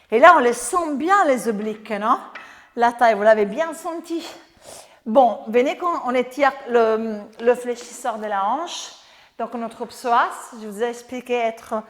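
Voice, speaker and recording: Woman, Italian accent, Pilates instructor, chatty and encouraging, slow and unhurried, long reverb. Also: a little high. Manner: chatty, joking, encouraging cues. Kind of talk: guiding a Pilates class. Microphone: lapel mic in clothing.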